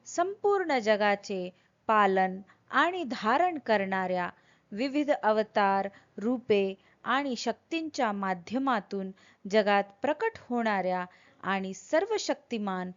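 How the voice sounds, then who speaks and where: A woman teaching devotional verses in a deliberate recitation style, over-enunciating and separating each word clearly. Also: mid-range voice, dull audio. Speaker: teacher of Sanskrit hymn recitation. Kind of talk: slow scripture recitation with explanation.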